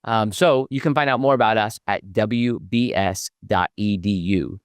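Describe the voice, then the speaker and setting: A man's voice: fairly low pitch, measured pace, clear, resonant tone, no echo, clean studio sound. A man hosting a podcast interview, talking in an upbeat, promotional way. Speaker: podcast host.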